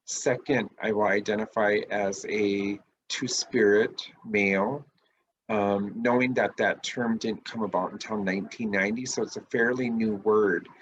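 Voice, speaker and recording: A man from northeast South Dakota speaking as a panelist, earnest and deliberate. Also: lowish voice, steady tone, highs cut off, slight background noise. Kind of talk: panel discussion.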